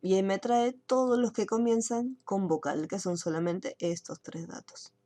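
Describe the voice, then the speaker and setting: A woman's voice: mid-range voice, fairly even intonation, normal speed, mellow. A woman teaching an online computer class, explaining each step and checking in with her students. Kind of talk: screen-share software tutorial.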